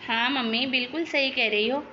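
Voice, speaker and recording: A woman's voice: high-pitched, normal speed, pushed and bright, muffled recording, slight background noise. A woman voicing a chatty young daughter-in-law in a cartoon, complaining about her in-laws. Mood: gossiping. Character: gossipy young daughter-in-law, lazy and talkative. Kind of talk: cartoon voice acting.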